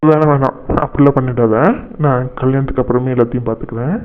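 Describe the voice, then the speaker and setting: A man's voice: mid-range voice, fairly even intonation, quick pace, natural voice. A young man voicing a cartoon fiancé who teases and pleads playfully with his bride-to-be. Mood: coaxing. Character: teasing, doting young male fiancé. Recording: thin phone-like band.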